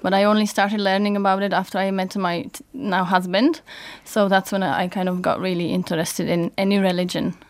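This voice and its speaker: A woman's voice: medium pitch, little pitch movement, a little fast, hardly any pauses. A woman from the Czech Republic with a Czech accent speaks on a radio panel. She talks in an earnest, slightly hesitant way. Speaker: guest. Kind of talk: casual radio discussion.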